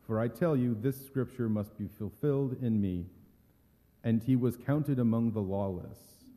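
A man playing a solemn, gentle Jesus in a dramatic scripture reading, measured, earnest and subdued. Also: mid-range voice, natural voice. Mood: earnest, instructing. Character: Jesus, solemn, gentle teacher facing betrayal and death. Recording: echoey hall with long reverb.

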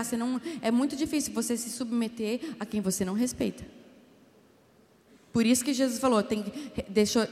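Animated Brazilian woman preaching in a hall. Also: on the high side. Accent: Brazilian Portuguese. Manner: animated storytelling, quoting her husband, jokey asides to the audience. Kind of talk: sermon with personal testimony. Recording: long reverb of a hall.

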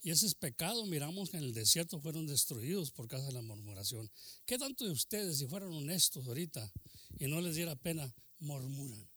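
An older man preaching a bilingual sermon, mixing Spanish and English, with frequent amens and hallelujahs and sudden drops into a soft, low voice. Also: sing-song, a little fast, husky, no echo. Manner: preaches with exclamations of amen and hallelujah; switches between Spanish and English.

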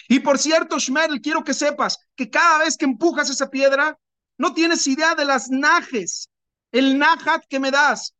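A man's voice: extremely high pitch, pushed and bright, no echo, pitched above the performer's own voice, exaggerated voice. A man voicing a proud, loving male God who speaks tenderly and earnestly in a parable.

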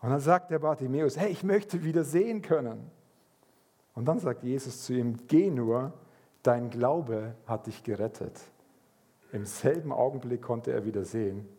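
A man preaching a sermon, telling stories in a lively way and acting out the voices of people in them. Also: medium pitch, moderate pace, husky. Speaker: pastor.

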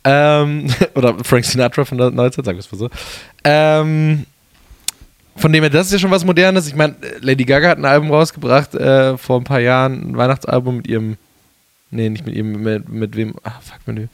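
A man's voice: mid-range voice, fairly even intonation, a little fast, vocal fry, no room sound, studio quality. A man hosting a casual chat, talkative and laughing often, trailing off and restarting mid-sentence.

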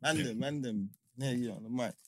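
A London man with a roadman accent and a medium-pitched voice. He hosts loosely in casual street slang and often doubles up words and phrases. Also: normal speed, a little mellow, no echo. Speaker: show host.

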